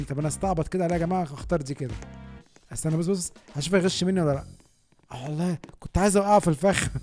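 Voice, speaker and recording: A man with an Egyptian Arabic accent giving chatty, excitable gaming commentary, talking straight to his viewers. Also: high voice. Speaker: gaming YouTuber.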